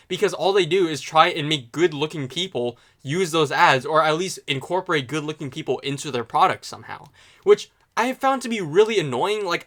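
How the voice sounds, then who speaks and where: A young man delivers a casual opinion monologue in a rambling, sarcastic way, poking fun at himself as he goes. His voice is bright and sits a little high, with a forceful edge to it. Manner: rambling, sarcastic, self-mocking. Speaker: YouTube commentator.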